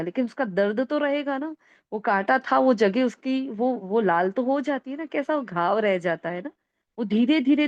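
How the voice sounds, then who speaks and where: A woman's voice: a little high, a little mellow, dry recording, highs cut off. Earnest woman giving a spiritual talk. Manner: earnest, coaxing, frequent tag questions. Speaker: spiritual teacher. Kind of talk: spiritual talk answering questions.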